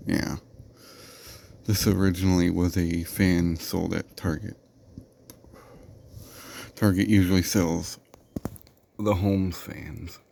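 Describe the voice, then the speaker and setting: There's a little hiss or hum behind this man's low, mellow voice, which has vocal fry. Hosting a product unboxing show, he rambles casually with fillers and self-corrections while making sarcastic, deadpan comments about what he's unboxing.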